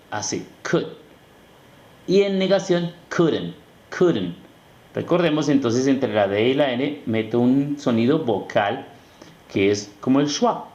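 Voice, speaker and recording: Slow, patient Spanish-speaking male teacher. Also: medium pitch, darkish tone, roomy sound, highs cut off. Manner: slow, patient modelling of words with repeated checks. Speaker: English pronunciation teacher. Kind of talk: online language lesson.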